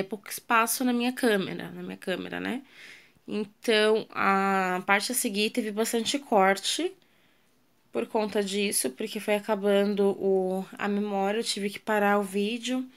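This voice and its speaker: A woman's voice: medium pitch, steady tone, moderate pace. Chatty Brazilian woman narrating chores. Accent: Brazilian Portuguese. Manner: chatty, asks viewers questions, trails off with fillers. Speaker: home routine vlogger, mother. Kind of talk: casual voice-over narration of cleaning.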